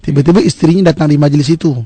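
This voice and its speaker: A man's voice: fairly high pitch, steady tone, rapid-fire, dark tone, breathy edge. A man with a Malaysian Malay accent, a religious teacher giving a radio talk on family life, laying out numbered points and tagging them with "kan?". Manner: explains in numbered points, with rhetorical "kan?" tags.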